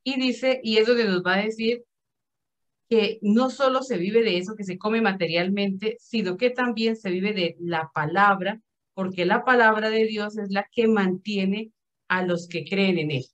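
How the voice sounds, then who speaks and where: A woman of average pitch explains a reading to a Bible study group and reflects aloud as she goes. The recording has a dull, muffled quality. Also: unhurried. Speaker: speaker in a virtual Bible study. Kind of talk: explanatory talk.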